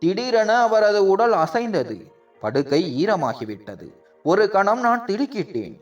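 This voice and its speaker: A man reading a first-person story aloud in an emotional, measured narrating style. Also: sits high, very animated, recorded from a distance, dull audio. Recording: voice set back from the mic, faint music.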